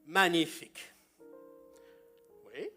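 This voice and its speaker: Man, sixties, pastor, high-pitched voice, humorous storytelling sermon, church, faint music underneath. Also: very slow, sharp tone. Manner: humorous storytelling, anecdotes with punchlines.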